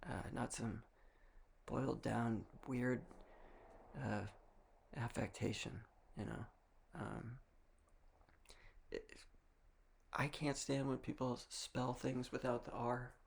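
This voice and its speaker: A man's voice: medium pitch, little pitch movement, slow pace, pauses often. A young man from Massachusetts with a mild Massachusetts accent, musing in a wry, rambling, opinionated monologue. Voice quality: gravelly, husky. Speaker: vlogger. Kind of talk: casual monologue.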